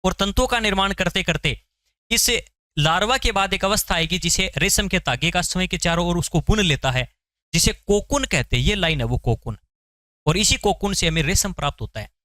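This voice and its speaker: Male tutor, question-and-answer drilling style, slightly high voice, no room echo. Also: lively intonation, brisk, sharp tone. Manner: asks questions then answers them; repeats key terms for memorizing. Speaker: science teacher. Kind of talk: exam-prep lecture.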